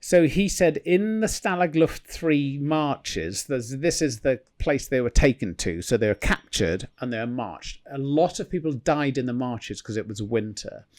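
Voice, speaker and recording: A man's voice: mid-range voice, animated, a little slow, few pauses, a little mellow. A man, a former pilot, telling rambling anecdotes in a casual podcast chat.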